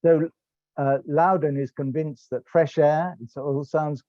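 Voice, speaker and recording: A man's voice: a little high, fairly even intonation, unhurried, no room sound, dull audio. British man giving a rambling slide lecture. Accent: British English. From England. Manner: rambling, self-correcting, conversational. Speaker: lecturer and tour guide.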